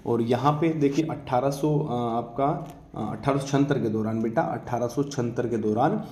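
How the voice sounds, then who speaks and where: The exam-prep teacher's voice is mid-range and a little mellow, at a normal speed. He instructs informally, echoing in the room, with frequent check-ins and questions he resolves himself.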